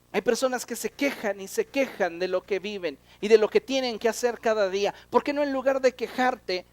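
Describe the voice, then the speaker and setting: A man preaches with energy, pitched high and firing rhetorical questions at the congregation. His voice sits close and dry on the microphone, with no room sound around it. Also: no room sound. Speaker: pastor. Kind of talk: sermon.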